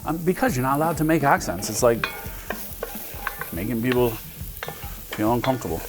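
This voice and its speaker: A man in his forties hosts a casual cooking chat at home, rambling as he cooks and swearing now and then. His medium-pitched voice has lively intonation and a moderate pace, with a noisy background behind him.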